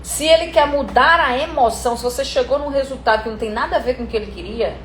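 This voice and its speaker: Lively woman acting coach, echoey room. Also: high-pitched, quick pace. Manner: lively, acts out quotes and scenes, swears casually. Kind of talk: live teaching talk on voice acting. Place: room indoors, live stream. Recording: echoey room with faint background noise.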